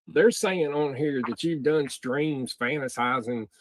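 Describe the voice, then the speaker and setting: Hosting a laid-back livestream where callers phone in from jail, a man asks pointed questions in a relaxed, informal way. His voice leans high and moves at a measured pace, captured dry.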